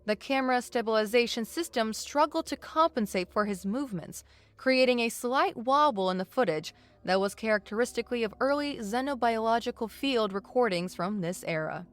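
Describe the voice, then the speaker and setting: A woman reads a science fiction story in a measured, descriptive way. Her voice sits a little high. She paces each scene steadily. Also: expressive. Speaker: narrator. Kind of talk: scripted narration.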